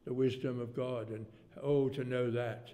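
Elderly preacher in a reverberant church. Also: male voice, mid-range voice, level tone, unhurried, warm tone. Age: 80s. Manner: folksy, rambling preacher with sudden rises in volume. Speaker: pastor. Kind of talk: sermon. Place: church hall.

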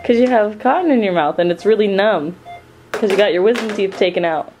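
A woman's voice: medium pitch, fairly quick, music in the background. A woman chatting casually, coaxing someone along with short, simple questions. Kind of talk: casual chat.

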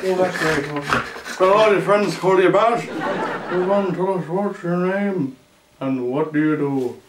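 Parody quiz host , young male actor: cheesy rambler, slightly high voice, echoey distant mic. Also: a little slow, a faint crowd, slight background noise. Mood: rambling, jokey. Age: young adult. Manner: showy, rambling, catchphrase-heavy. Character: bumbling, cheesy male veteran game show host. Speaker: game show host. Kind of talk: game show parody presenting. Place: small indoor room with makeshift set. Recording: echoey room, distant mic, music behind.

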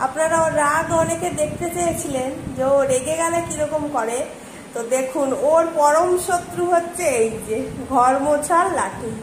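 A woman's voice: high voice, normal speed, echoey room, noisy background. A woman filming her dog at home, talking to it in coaxing baby talk and explaining to her viewers. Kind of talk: casual pet vlog narration. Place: indoors at home.

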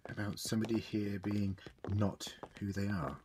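A man's voice: lowish voice, fairly even intonation, moderate pace, darkish tone, slight background noise, natural voice. A man acting an earnest, inquisitive and apologetic time traveller in a fan-made audio drama, with a wordy, theatrical delivery. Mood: probing, gentle.

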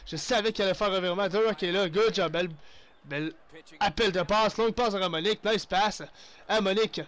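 Excitable Québécois man calling hockey. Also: high voice, a little fast. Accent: Québécois French. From Quebec. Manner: excitable play-by-play, mixes English exclamations and Quebec swearing. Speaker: gaming YouTuber. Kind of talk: live hockey game commentary.

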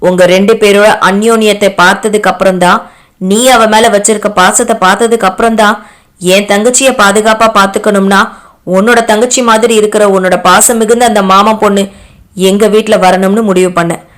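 A woman's voice: medium pitch, steady tone, brisk, fairly bright tone, close to an everyday voice. A woman voicing a young man who speaks harshly and scornfully. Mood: firm.

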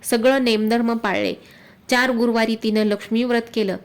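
A woman storyteller reading a devotional folk tale in a steady, measured, recited rhythm. Her voice sits fairly high.

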